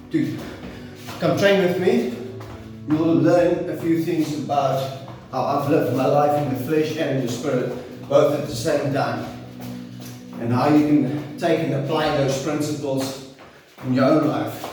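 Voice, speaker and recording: A man in his forties giving an earnest, preaching talk to camera about training and faith, with loose pauses and restarts. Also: on the high side, a little mellow, distant mic. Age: 40s. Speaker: fitness and faith vlogger. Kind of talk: motivational monologue to camera. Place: small bare home training room with rubber mats. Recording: very echoey room, voice off-mic, music behind.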